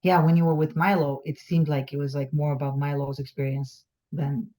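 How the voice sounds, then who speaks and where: A woman's voice: deep voice, little pitch movement, brisk, warm tone. A woman, sharing hesitantly in a group session. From Bulgaria. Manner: hesitant, many fillers, self-reflective. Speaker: workshop participant.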